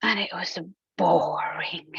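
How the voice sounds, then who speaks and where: A middle-aged woman from Hungary, a professor giving an online conference talk in a relaxed, searching way with fillers and restarts. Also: on the low side, slow pace, gravelly, husky, no echo. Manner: informal, thinking aloud with fillers and restarts. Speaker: professor presenting research. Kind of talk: conference presentation. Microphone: online talk over a computer mic. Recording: dull, dry lo-fi audio.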